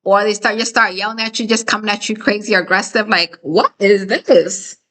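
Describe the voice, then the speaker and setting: A woman hosts a casual live stream, talking straight to her viewers in a clear, bright voice that sits at a middle pitch. She keeps it conversational and emphatic, tagging her points with "okay?" and "right?" as she goes. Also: flat delivery, fast talker. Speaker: host of a live discussion.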